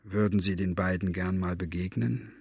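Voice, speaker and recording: Brief: worn-out dad, low and hushed, husky tone, a man reading the part. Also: steady tone, normal speed, dry recording, clean studio sound, heavily acted. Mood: weary. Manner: quiet, tired, grave. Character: weary, serious adult father. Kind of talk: audiobook character voice.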